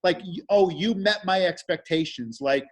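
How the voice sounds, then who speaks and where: Brief: male comic, husky and high-pitched, loose and animated. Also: normal speed. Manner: animated, acts out crowd members and swears. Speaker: comedian. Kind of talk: casual chat.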